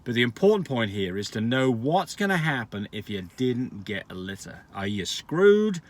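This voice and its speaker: A man's voice: medium pitch, very animated, moderate pace. A man who breeds dogs, answering viewer questions in a casual, frank way, explaining at length with restarts and fillers. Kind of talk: casual advice Q&A.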